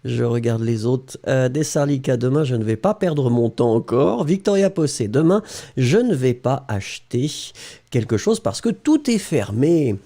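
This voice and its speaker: A man's voice: animated, measured pace, dark tone. A man teaching French in a live lesson, reading viewers' comments aloud in a playful way and laughing often. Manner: playful, laughs often, exaggerated pitch swings.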